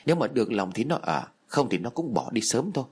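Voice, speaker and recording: A man's voice: on the low side, big pitch swings, fast, slightly rough. A man reading the part of a scheming, spiteful old mother-in-law who scolds and sneers. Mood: dismissive.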